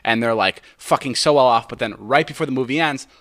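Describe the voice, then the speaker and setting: A man co-hosting a podcast in casual chat, telling a story animatedly and getting loud and heated. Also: mid-range voice, fast. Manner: animated, swearing, gets loud and heated retelling arguments. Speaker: podcast co-host.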